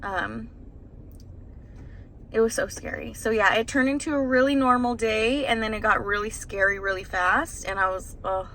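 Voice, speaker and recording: A young woman speaks in a bright, fairly high voice, retelling events to the camera in a stressed, shaken ramble full of fillers. She talks like a new mother vlogging casually, with a faint hum of ambience behind her. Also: normal speed, low-quality recording. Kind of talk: casual vlog storytelling.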